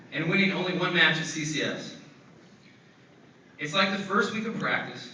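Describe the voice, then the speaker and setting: A man's voice: fairly high pitch, expressive, measured pace, sharp tone, far from the mic, a little hiss or hum. Man giving a speech in an echoey hall. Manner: chuckles often while telling stories. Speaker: former teammate giving a hall of fame speech. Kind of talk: humorous speech with anecdotes. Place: large hall at an induction event.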